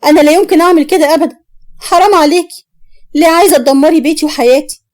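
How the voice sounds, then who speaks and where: A woman's voice: high-pitched, fairly even intonation, quick pace, mellow, natural voice. A woman with an Egyptian accent voicing a tearful young wife who pleads and reproaches through sobs. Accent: Egyptian Arabic. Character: tearful young wife accused by her sister-in-law.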